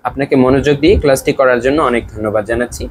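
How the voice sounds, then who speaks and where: A male teacher leads a slow alphabet lesson, naming each letter and repeating its sound several times for his learners. His voice sits at an ordinary middle pitch. A faint noise runs under the recording. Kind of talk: online lesson.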